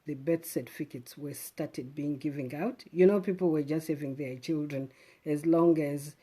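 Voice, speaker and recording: A middle-aged woman talks to her live-stream viewers in a low, mellow voice. She speaks in a thoughtful, unhurried way, often pausing on "um" and "uh" and restarting sentences. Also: breathy edge. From Zimbabwe. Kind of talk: casual reflective live stream talk.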